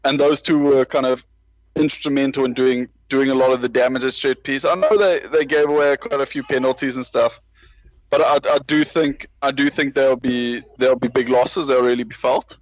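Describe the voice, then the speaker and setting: A man's voice: mid-range voice, fairly even intonation, normal speed, no room sound, muffled recording. A man talking rugby in a casual, rambling way, with many restarts and self-deprecating asides. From South Africa. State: parent with a baby nearby. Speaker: rugby podcast panelist. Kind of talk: casual chat.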